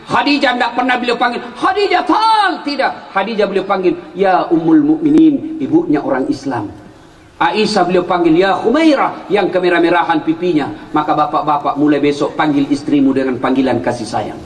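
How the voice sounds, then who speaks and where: A man preaching a humorous sermon to a congregation, telling stories and shouting his punchlines. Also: a little high, fairly quick, slight background noise. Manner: joking storyteller who shouts punchlines at the congregation. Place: large hall with an audience. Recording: echoey hall, distant mic, faint crowd.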